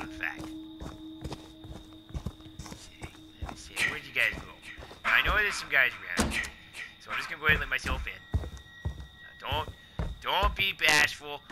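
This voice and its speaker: A man's voice: mid-range voice, close to an everyday voice, rough recording. A man putting on a Canadian accent to play a masked slasher as a chatty, rambling hoser, stammering and tagging lines with "eh". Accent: put-on Canadian. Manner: rambling, stammering folksy patter ending lines with "eh". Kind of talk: comic role-play over gameplay. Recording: loud game music and sounds behind.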